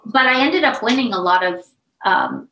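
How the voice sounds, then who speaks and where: A middle-aged woman, a beauty brand founder, telling stories in a casual interview, animated and chatty with many asides. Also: on the high side, normal speed. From United States. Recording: roomy echo.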